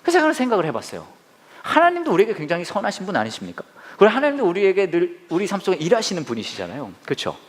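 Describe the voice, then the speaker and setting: A man's voice: high-pitched, very fast. A middle-aged man preaching a humorous sermon in a church, self-mocking and acting out bits of dialogue. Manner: animated, self-mocking, acts out quoted dialogue. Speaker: pastor.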